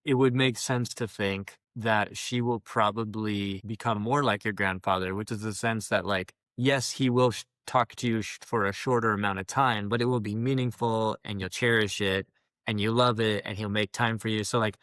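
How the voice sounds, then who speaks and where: A man's voice: fairly low pitch, fairly even intonation, normal speed, fairly bright tone, no echo, rough recording. Earnest young man giving advice. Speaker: podcast co-host. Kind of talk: casual advice chat.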